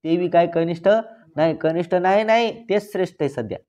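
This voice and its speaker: A man teaching a religious scripture discourse, posing questions to his listeners and answering them himself, and slowly reciting Sanskrit passages. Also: high-pitched, darkish tone. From Maharashtra. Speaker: Vedanta teacher. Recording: dull lo-fi recording.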